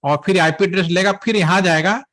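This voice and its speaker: A man's voice: high voice, brisk, fairly bright tone. A man, teaching trainees a technical lesson, explaining step by step and checking in often. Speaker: instructor.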